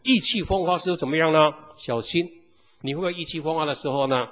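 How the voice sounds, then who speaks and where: A man's voice: fairly high pitch, fast talker, fairly bright tone. A man preaching a sermon as pastor, peppering the congregation with rhetorical questions. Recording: long hall reverb.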